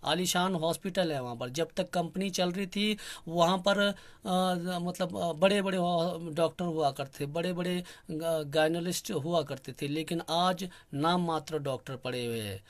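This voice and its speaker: Speaking on a channel, this young activist from Kinnaur in Himachal Pradesh, India, has a quiet, gentle voice that sits on the high side. His public appeal comes across as earnest and aggrieved, broken up by frequent pauses and filler sounds.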